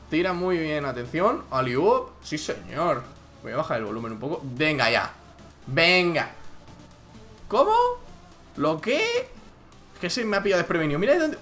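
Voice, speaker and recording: Excitable young man reacting. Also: mid-range voice. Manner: animated, cheers and urges plays on, swears casually. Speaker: YouTuber reacting to basketball highlights. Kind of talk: excited live reaction commentary.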